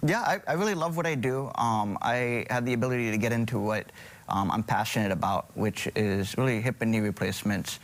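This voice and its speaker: Hesitant surgeon from Hawaii, lowish voice. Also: male voice, a little fast. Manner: hesitant, many ums and restarts. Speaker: orthopedic surgeon guest. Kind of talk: TV morning show interview.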